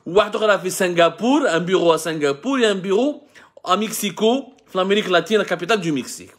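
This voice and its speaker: A man's voice: sits high, quick pace. An Algerian man with an Algerian accent hosting a live show, explaining to viewers in a lecturing way, with many restarts and lists. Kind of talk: talking to camera, explaining to viewers.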